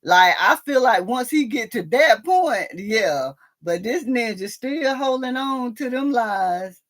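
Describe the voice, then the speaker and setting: A woman's voice: a little high, animated, slow, a bit bright. A middle-aged woman, hosting a casual live chat, laughing often and telling stories in a drawl. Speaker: livestream host discussing a TV drama.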